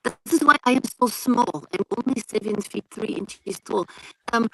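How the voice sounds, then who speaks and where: A woman's voice: a little high, moderate pace, breathy edge, no echo, poor audio. A woman voicing a very tall young female orc warrior who is fussy about hygiene and speaks in simple, earnest phrases. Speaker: guest player.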